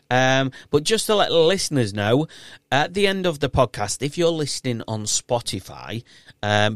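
A man's voice: medium pitch, fairly bright tone, clear, resonant tone, no echo. A man with a thick Yorkshire accent hosting a casual podcast in a chatty, encouraging, matey way. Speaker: podcast host and quizmaster.

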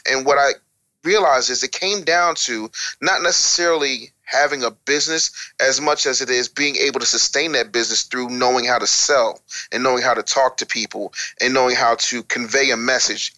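Speaking as a guest in an interview, this author and radio producer gives his views in a blunt, wry manner, leaning on emphatic lists and rhetorical questions. He has a mid-range, sharp-toned voice, and the recording is rough.

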